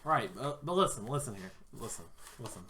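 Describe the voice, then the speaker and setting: A man co-hosting a casual gaming podcast, excitable and crude, rambling through jokes. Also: mid-range voice, fairly quick. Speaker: podcast co-host.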